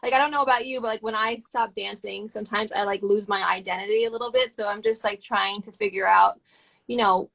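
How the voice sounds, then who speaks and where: A woman's voice: mid-range voice, steady tone, a little fast, gravelly, a bit bright. A woman chatting casually on a live video call from home, rambling with lots of "like" and acting out little quotes. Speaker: guest on a livestream chat. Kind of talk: casual chat. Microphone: phone on a live video call.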